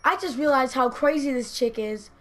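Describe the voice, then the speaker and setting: Animated young storyteller, higher voice. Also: female voice, normal speed. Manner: animated, acts out quotes. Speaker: vlogger. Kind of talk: casual storytelling.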